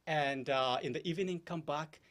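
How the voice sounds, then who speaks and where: A man's voice: fairly high pitch, moderate pace, a bit bright. A man in his thirties from Kenya with a Kenyan accent, a guest in an interview, earnest and hesitant, with many fillers. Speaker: political candidate guest. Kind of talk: interview conversation.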